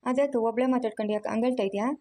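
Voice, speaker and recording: A woman voicing a bossy, caring middle-aged village aunt, in a loud, scolding, teasing manner. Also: fairly high pitch, fairly even intonation, fast talker, natural voice.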